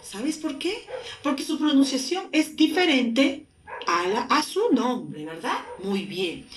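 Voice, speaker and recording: Woman primary teacher, Peruvian Spanish accent, high and lively voice, echoey room. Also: a crowd in the background. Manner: slow, patient, drawing out sounds for children to repeat. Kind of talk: recorded lesson for young children.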